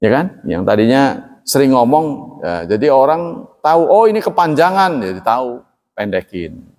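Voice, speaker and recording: A man addresses a congregation with a religious lecture at a moderate pace, his voice mid-range and his delivery plain and even. Describing himself as flat-spoken, he often asks the listeners whether they agree. The hall gives the recording long reverb.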